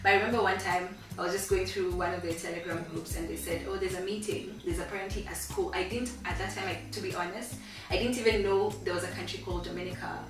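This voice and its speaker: A woman in her twenties with a Kenyan accent, chatting candidly as an interview guest and telling her story in an animated way. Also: on the low side, quick pace, few pauses. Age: 20s. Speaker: guest, medical student. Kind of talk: casual chat interview. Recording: very echoey room, distant mic, music behind.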